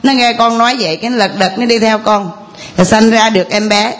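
A woman's voice: fairly high pitch, steady tone, brisk. A woman, telling a long, rambling, earnest story of faith to a priest in church. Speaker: parishioner giving testimony. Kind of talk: tearful church testimony.

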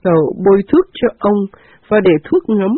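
A woman reading a scripture passage aloud in a steady, measured way. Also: medium pitch, dry recording. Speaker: scripture reader. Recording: dry, tinny phone-like sound.

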